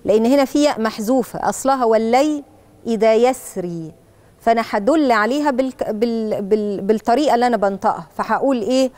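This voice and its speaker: This Egyptian-accented woman, a preacher who teaches children Quran recitation, goes through each rule step by step and recites verses slowly for them to follow. Her voice is a little high and slightly mellow, captured in a dry recording.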